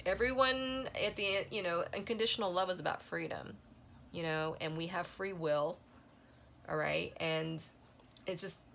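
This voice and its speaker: A woman giving a casual spoken tarot reading, rambling with many fillers and a voice that is going hoarse. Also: on the low side, bright, forceful tone, slight background noise. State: losing her voice. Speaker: tarot reader.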